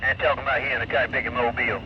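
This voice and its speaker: A man's voice: mid-range voice, little pitch movement, racing. Man talking over noisy, muffled CB radio. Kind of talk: casual CB radio chatter.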